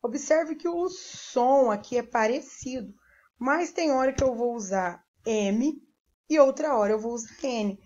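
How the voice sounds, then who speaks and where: A woman's voice: fairly high pitch, a little slow, darkish tone. A Brazilian woman teacher giving a primary school lesson, patiently spelling out sounds and syllables one by one. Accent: Brazilian Portuguese. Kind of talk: remote classroom lesson. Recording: dull lo-fi recording.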